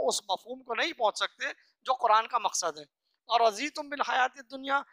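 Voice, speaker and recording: A religious teacher giving a scripture lesson, slowly reciting each phrase and then explaining it piece by piece, often asking and answering their own questions. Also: mid-range voice, fairly bright tone, dry recording, studio quality. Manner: earnest, instructive, asks and answers own questions.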